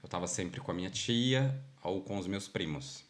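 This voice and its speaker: A man from Minas Gerais with a Brazilian Portuguese accent speaks in a low voice at normal speed. As a podcast guest in a casual interview chat, he tells stories animatedly, full of fillers like "tipo" and "sabe."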